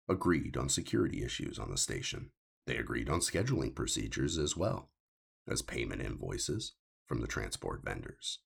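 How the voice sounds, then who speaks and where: In scripted audiobook narration, a man reads a science fiction story of his own with deliberate, measured pacing. His husky, gravelly voice sits at an extremely low pitch.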